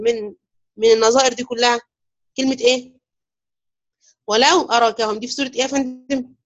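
A woman's voice: a little high, highs cut off. A woman with an Egyptian Arabic accent teaching the rules of Quran recitation in an online class, often putting questions to her students and waiting for answers. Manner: asks students questions and waits.

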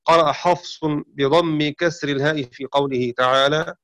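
A man teaching the variant readings of the Quran, explaining rules and slowly sounding out words to demonstrate pronunciation. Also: a little high, steady tone, fairly bright tone, no echo. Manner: explanatory, slows down to sound out words, self-correcting. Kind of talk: religious lesson on recitation variants.

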